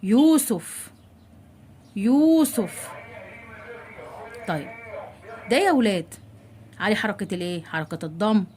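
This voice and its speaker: A woman with an Egyptian Arabic accent teaching children to read, asking questions and slowly drawing out the letter sounds. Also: on the low side, lively intonation. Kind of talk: children's reading lesson.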